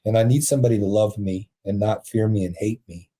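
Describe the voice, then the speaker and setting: A man with a low, mellow voice tells a heartfelt story as a podcast guest. He speaks earnestly and with emotion, and soft laughs break into his telling. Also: fairly even intonation, quick pace, husky. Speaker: podcast guest, prison ministry founder.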